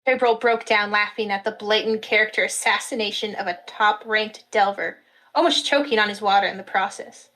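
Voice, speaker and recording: A woman narrating a fantasy story in a steady storytelling manner at a live reading. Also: medium pitch, brisk, rough recording.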